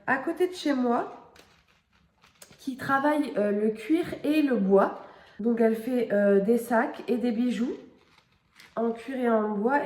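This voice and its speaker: A middle-aged woman with a cold chats casually in a home vlog, hesitating often. Her voice is on the high side and a little mellow. The room is echoey.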